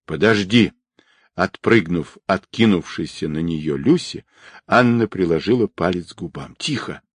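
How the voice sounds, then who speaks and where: Deep husky guy reading a crime audiobook, slow, dry close sound. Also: expressive, no echo. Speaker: audiobook narrator. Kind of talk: scripted crime-novel narration.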